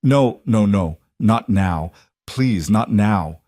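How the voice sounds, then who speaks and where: A man's voice: animated, takes it slowly, mellow, no echo, studio quality. A man voicing a desperate young pregnant wife who pleads with her husband in a raised, pleading voice. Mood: anguished. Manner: pleading, breaking into high cries.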